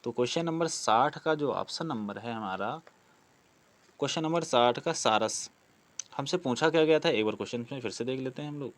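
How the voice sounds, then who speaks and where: Brisk and animated, a man with a mid-range voice leads a grammar lesson. He is a Hindi grammar teacher for exam prep who walks through practice questions step by step, raising questions and answering them himself.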